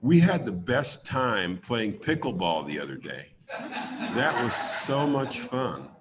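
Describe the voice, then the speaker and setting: A man with a raspy voice from a cold, hosting a community town hall and leading a prayer, speaking haltingly with many ums. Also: mid-range voice, big pitch swings, a bit bright.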